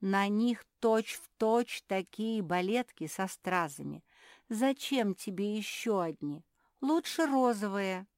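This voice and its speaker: A woman's voice: medium pitch, animated, takes it slowly, darkish tone, dry recording, studio quality, pitched above the performer's own voice. A woman voicing a bossy older pug sister who lectures and reproaches in a know-it-all way. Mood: lecturing.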